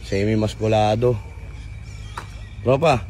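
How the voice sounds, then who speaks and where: A man's voice: fairly low pitch, steady tone, takes it slowly, warm tone, a little hiss or hum. A man vlogging casually outdoors, teasing animals in a playful way and sometimes running out of breath. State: out of breath at times. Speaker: motovlogger. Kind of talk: casual vlog narration to camera.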